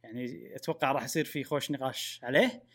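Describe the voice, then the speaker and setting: A man's voice: mid-range voice, quick pace, vocal fry. A man hosting a casual podcast, thinking aloud with hesitant fillers. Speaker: podcast host.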